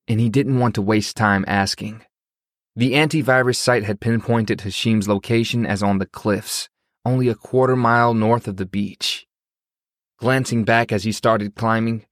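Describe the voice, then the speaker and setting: A male audiobook narrator tells the story in a measured, even manner. His voice sits a little low, and the recording is dry, with no room sound. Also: dry recording. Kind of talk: scripted narration.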